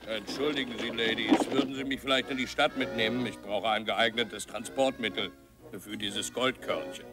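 A man's voice: mid-range voice, fairly even intonation, normal speed, close to an everyday voice. A man voicing a polite, humble old gold prospector in a dubbed cartoon. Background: music.

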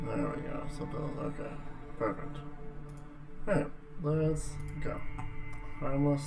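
A man's voice: a little high, unhurried, gravelly, over music. A young man hosting a casual let's-play, playful and muttering repeated words to himself as he goes. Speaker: gaming video host. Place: small room at home.

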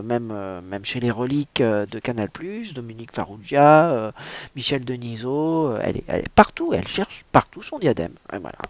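Rambling, gravelly-voiced male host. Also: medium pitch, dry recording. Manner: hesitant, self-mocking, many fillers and restarts. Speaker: show host reading a book aloud. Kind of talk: rambling comic monologue.

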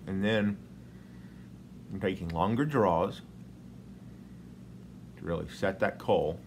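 A man giving a relaxed how-to demonstration, talking with a pipe clenched in his mouth. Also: sits low, a little hiss or hum. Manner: relaxed, halting, many fillers. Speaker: pipe smoking instructor.

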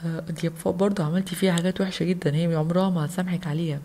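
A woman with an Egyptian Arabic accent voicing a wary, blunt boy toy doll in a lowered, hushed voice. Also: level tone, very fast.

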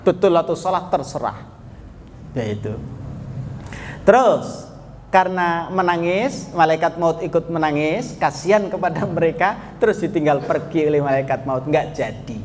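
A man's voice: a little high, moderate pace. A man preaching a storytelling sermon to a study group, chatting with the audience, asking them questions and calling them sir. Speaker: Islamic preacher. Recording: long hall reverb, faint background noise.

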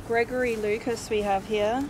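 A woman's voice: fairly high pitch, steady tone, normal speed. Young woman vlogging in a cemetery at night. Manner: chatty, reading out names from headstones. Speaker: paranormal vlogger host. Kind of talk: casual night exploration vlog. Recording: noisy outdoor night recording.

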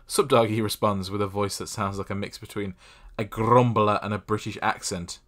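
A young man casually playing a text adventure, reading the game's text aloud and adding deadpan, self-mocking asides at a desk mic. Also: fairly low pitch, moderate pace. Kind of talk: casual let's-play commentary.

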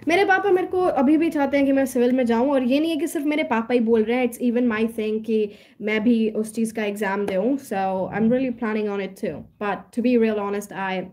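A woman's voice: on the high side, moderate pace, few pauses, darkish tone. A young woman with an Indian accent answering viewer questions in a casual livestream, mixing Hindi and English. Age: young adult. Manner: mixes Hindi and English, switching mid-sentence. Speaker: young motivational speaker answering live comments. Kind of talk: casual live Q&A, reading out viewer comments.

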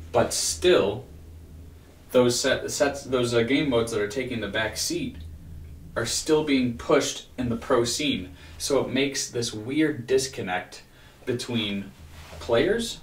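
A man with a mid-pitched voice talks through a casual vlog rant. He sounds weary and frustrated, halting and restarting his sentences as he goes. The room echoes around him and the microphone sits at some distance. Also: slight background noise. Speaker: vlogger. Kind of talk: casual rambling video-diary rant. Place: small home room with bookshelf, indoors. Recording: roomy echo, distant microphone.

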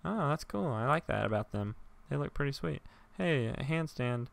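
A young man giving let's-play commentary, joking, swearing and shouting as he reacts to the game. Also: mid-range voice, expressive, vocal fry. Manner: jokey, profane, quick to shout. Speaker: gaming YouTuber.

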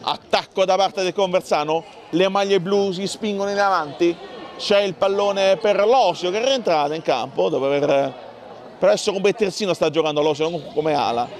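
High-pitched man commentating sport. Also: normal speed. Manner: excitable, calling out names and goals in bursts. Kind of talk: live handball match commentary.

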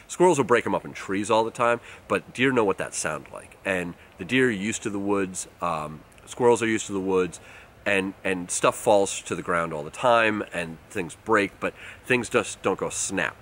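A man, casually explaining outdoor tips to the camera in a relaxed way, recorded outdoors in a forest. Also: low-pitched. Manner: relaxed, explanatory, uses fillers like um and like. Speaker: outdoors channel host. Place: outdoors in a leafy winter forest.

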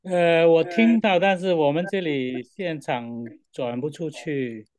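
A man's voice: fairly high pitch, unhurried. Hesitant man at the venue. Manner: hesitant, many fillers. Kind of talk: casual exchange.

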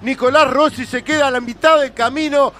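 A man's voice: very high voice, steady tone, a little fast, bright, forceful tone. A Uruguayan man giving emphatic colour commentary on a live radio football broadcast.

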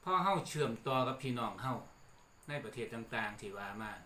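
A middle-aged man with an Isan accent, hosting a relaxed lesson on old regional words and chuckling between points. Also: mid-range voice, a little fast. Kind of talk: casual explanatory talk. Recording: echoey room with faint background noise.

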